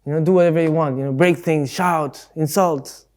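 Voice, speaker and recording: A man speaking at a Buddhist centre in a loose, chatty way, with a voice a little higher than most men's. He talks his ideas through with everyday examples and now and then slips into voicing other people. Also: fairly even intonation, moderate pace. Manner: conversational, leans on everyday examples; acts out voices in quotes. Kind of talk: casual spoken Dharma talk.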